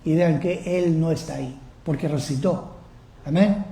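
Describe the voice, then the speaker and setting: Male pastor, high voice, sermon in an echoey church hall. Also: normal speed, warm tone. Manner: questions the congregation often.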